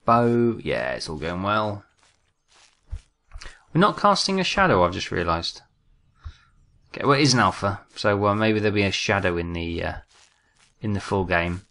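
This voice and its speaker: A young man chats his way through a survival game, joking with viewers as he goes. His voice sits low with a gravelly, crackly edge, yet it stays bright and forceful. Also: very animated, normal speed, long pauses. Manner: chatty, jokey, talks to viewers while playing. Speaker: gaming let's-play host. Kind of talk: casual gameplay commentary.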